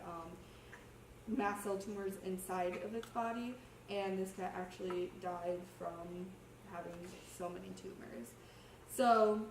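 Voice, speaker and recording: A young adult woman who is sick with a cough gives an informal slide presentation as a student, explaining casually and a little hesitantly. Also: mid-range voice. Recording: roomy, distant mic, faint noise.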